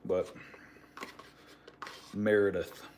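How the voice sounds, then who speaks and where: Man, fairly low pitch, mumbled marbles-in-mouth diction, rambling, informal livestream chat. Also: level tone, drawn-out words, a little mellow, slight background noise. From Alabama, United States. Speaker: livestream host.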